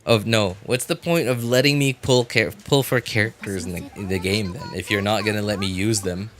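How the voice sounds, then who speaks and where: This male streamer gives laid-back live commentary on his game, addressing viewers in fits and starts and mumbling to himself along the way. He speaks in a lowish, steady voice with a fairly bright tone.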